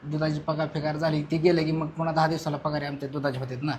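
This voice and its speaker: A man, a farmer, giving subdued, halting answers. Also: on the high side, little pitch movement, a little mellow, slight background noise. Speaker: interviewee, farmer.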